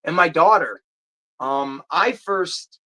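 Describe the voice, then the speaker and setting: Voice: mid-range voice, animated, slow, sharp tone. A livestream host in casual chat, rambling, searching aloud for titles and answering viewer comments. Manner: chatty, drifts off topic.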